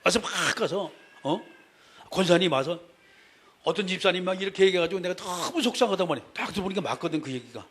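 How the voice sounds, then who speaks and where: A man's voice: high-pitched, lively intonation, fast, fairly bright tone, breathy edge. A male pastor preaching a sermon in a conversational way, speaking straight to the congregation and repeating his key phrases for emphasis.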